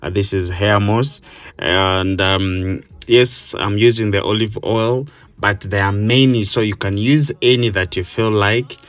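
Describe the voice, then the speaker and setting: A man explaining a hairstyling tutorial as the instructor, talking in halting bursts with many fillers and repeated words. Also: lowish voice, fairly even intonation, fairly bright tone, no room sound. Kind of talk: hair tutorial with channel promotion.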